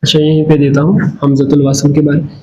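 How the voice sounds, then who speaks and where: A man's voice: a little high, level tone, quick pace, darkish tone, lo-fi sound. A man teaching an Arabic class at a whiteboard. He mixes English phrases into his explanation and often asks the class questions, then answers them himself. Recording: echoey classroom with faint background noise.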